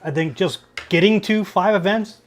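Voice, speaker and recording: Reading trivia questions aloud and poking fun at the chat, this man co-hosts a relaxed livestream game. His voice sits high, and he talks at a moderate pace.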